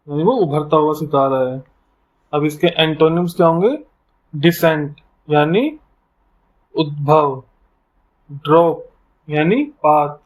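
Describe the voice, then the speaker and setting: Higher-voiced man teaching vocabulary. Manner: explains each word step by step with everyday examples. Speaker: English teacher. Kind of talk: vocabulary lesson.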